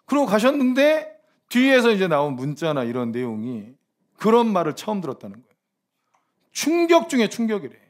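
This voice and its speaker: A man delivers a sermon with a high-pitched voice that swings up and down all over. He keeps firing rhetorical questions at his listeners and slips into joking asides. The tone stays playful and needling. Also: fairly quick. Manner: lively, teasing preaching with rhetorical questions to the congregation. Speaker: pastor.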